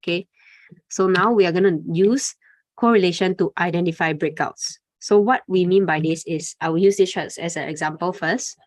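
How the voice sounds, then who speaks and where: A woman's voice: lowish voice, moderate pace, no echo. A young adult woman presenting a live trading webinar, chatty and informal, tagging lines with "okay" and "right?". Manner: conversational, frequent "okay" and "right?" tags, fillers. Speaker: trading instructor.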